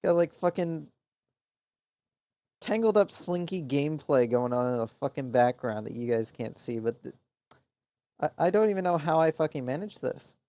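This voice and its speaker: A man's voice: fairly high pitch, expressive, moderate pace, pauses often, dark tone, no echo. A man casually commenting on his strategy game during a live stream, rambling and muttering to himself with frequent swearing.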